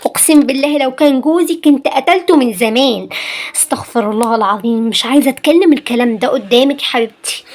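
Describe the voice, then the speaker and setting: A teenage girl voicing a caring young woman friend with an Egyptian Arabic accent, speaking softly in an amateur animated drama. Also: high-pitched. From Tunisia. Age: teen. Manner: soft, soothing, quiet.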